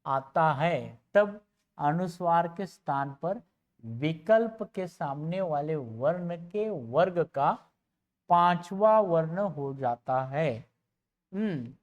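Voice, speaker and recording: In a recorded lecture, a teacher explains things slowly to students and repeats example words one by one. The voice is medium in pitch.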